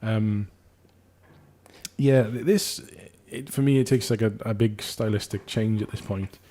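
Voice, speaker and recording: A man's voice: fairly low pitch, fairly even intonation, a little slow, warm tone. A man hosting a casual podcast chat, rambling and swearing casually. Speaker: podcast host.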